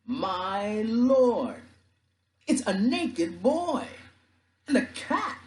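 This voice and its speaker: A man voicing an amazed American sailor who calls out loudly in surprise. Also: sits high, big pitch swings, very slow, reverberant, pitched above the performer's own voice, full character voice. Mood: calling.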